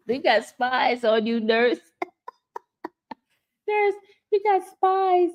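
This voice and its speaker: A woman in her fifties hosts a casual live stream, reading viewer comments, teasing people by name and speaking earnestly about her stress. Her voice sits high and is a little mellow, very animated yet very slow, and the recording sounds muffled.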